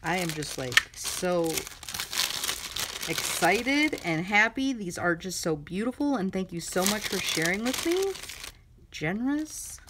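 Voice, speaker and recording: A middle-aged woman crafting vlogger gushing excitedly over a mail swap, chatty and full of fillers. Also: fairly low pitch, a little slow. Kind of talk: casual unboxing chat. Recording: noisy room with crinkling and clicks.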